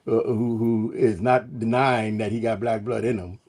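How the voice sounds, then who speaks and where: A man with a dark, relaxed voice talks casually on a panel. He explains haltingly, stammering and repeating words as he goes. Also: fairly low pitch.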